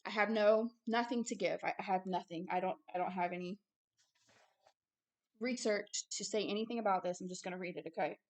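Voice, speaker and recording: A woman with a medium-pitched voice speaks briskly as she hosts a religious video. She reads aloud from a book and preaches on it passionately, hammering home her message with short phrases she repeats.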